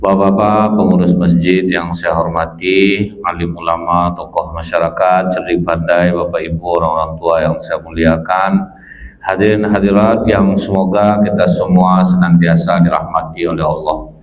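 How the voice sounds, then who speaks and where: A man's voice: low-pitched, little pitch movement, normal speed. A male preacher delivering a folksy mosque sermon, constantly addressing the congregation as sir and ma'am. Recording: slightly dull lo-fi recording.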